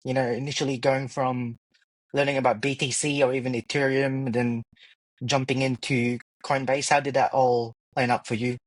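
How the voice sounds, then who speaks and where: A man's voice: mid-range voice, little pitch movement, normal speed, no echo, low-quality recording. Male podcast host, dry close sound. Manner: friendly, rambling questions. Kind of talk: casual interview conversation.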